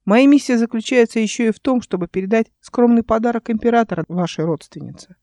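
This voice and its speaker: An audiobook narrator voicing a proud, stately imperial messenger who speaks grandly. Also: male voice, very high-pitched, fast, dark tone, no echo, studio quality. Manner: grand, pompous.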